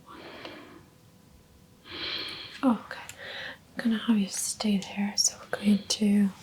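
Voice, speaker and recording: A woman whispering softly as a clinician in a roleplay, calmly giving gentle step-by-step instructions during a check-up. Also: medium pitch, a little slow. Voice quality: soft whisper. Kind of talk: ASMR medical exam roleplay.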